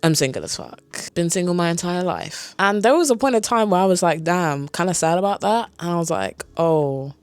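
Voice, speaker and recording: In a casual vlog filmed on a camera in front of her, a South London woman in her twenties sits on a beanbag in her bedroom answering viewer questions. Her fairly low, sing-song voice, with its London-Kent accent, flows at a moderate pace with hardly any pauses and no room sound, candid and full of asides.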